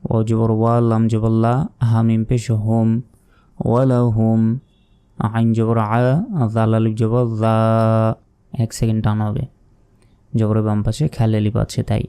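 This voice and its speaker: A man teaching Quran reading step by step, patiently spelling out letters and chanting verses slowly. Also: fairly low pitch, monotone, warm tone, clean tone. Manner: slow, drawn-out chanting of verses between plain explanations; patient, methodical spelling out of letters and vowel marks. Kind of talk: step-by-step recitation lesson.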